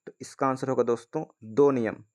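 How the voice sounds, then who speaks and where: A man's voice: medium pitch, steady tone, a little fast, darkish tone. Man, teacher, casual exam-prep lesson, reads questions aloud, keeps checking in viewers. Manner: repeats checks like "ठीक है ना", addresses viewers as friends. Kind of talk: casual spoken lesson, reading quiz questions.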